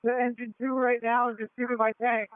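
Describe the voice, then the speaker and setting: A man's voice: extremely high pitch, level tone, a little fast, smooth, dry recording, narrow, tinny audio. A man working as a firefighter, giving terse reports over emergency two-way radio.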